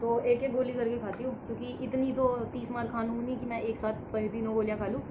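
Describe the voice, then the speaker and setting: A feverish woman vlogs from home, speaking casually and directly to her viewers in a slightly high voice. The recording sounds dull and roomy, with steady noise behind her. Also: fast. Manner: chatty, addresses viewers directly. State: sick with fever. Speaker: vlogger. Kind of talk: casual vlog chat to camera. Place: at home, indoors. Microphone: camera set in front of her. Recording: echoey room, dull and noisy.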